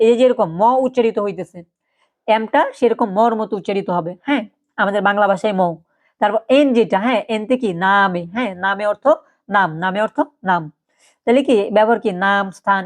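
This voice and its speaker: A woman teaches a spoken pronunciation lesson. She explains step by step, repeating each word and often saying "yes". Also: a little high. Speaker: language teacher.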